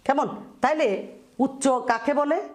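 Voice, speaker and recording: A woman's voice: high voice, slow. A woman teaching a school class, who repeats key words and keeps checking that her students understand. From Bangladesh. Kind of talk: classroom lesson.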